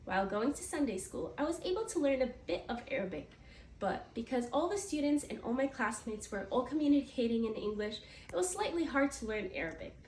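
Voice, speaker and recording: An American teenage girl reads a prepared class speech with earnest intent, making small slips and restarts. Her voice is on the high side, expressive, brisk and a little mellow, captured from a distant mic in an echoey room with faint noise.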